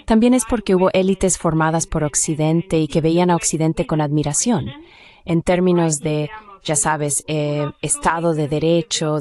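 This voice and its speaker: A woman with a low, slightly mellow voice appears as an academic expert guest in an interview. She explains things analytically and discursively, dropping in rhetorical check questions.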